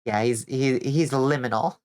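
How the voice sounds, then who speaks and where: A vtuber streamer from Georgia, US, chats with her audience while gaming, her voice pitched extremely low and nasal with stuffy-nose congestion. She rambles loosely, responds to chat, and swears casually. Her pace is slow and her mood a little mellow.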